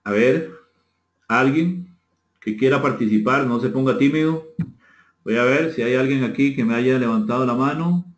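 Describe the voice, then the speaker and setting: Speaking at normal speed in a mid-range voice, a Costa Rican man with a matching accent runs an online webinar from indoors. He politely encourages people to join in, reading chat comments aloud, repeating phrases and responding. The recording sounds echoey and muffled, with dull audio.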